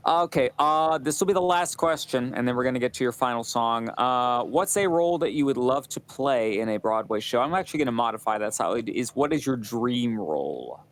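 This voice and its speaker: A man's voice: mid-range voice, animated, a little fast, few pauses. A male talk show host in casual interview chat, upbeat and chatty, laughing often as he reads out audience questions.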